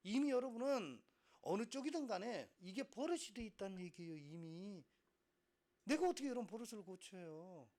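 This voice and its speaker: A man's voice: sits high, normal speed. A middle-aged man teaching a Korean language class, lecturing animatedly, acting out students and asking rhetorical questions. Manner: animated, acts out students' voices, frequent laughter and rhetorical questions.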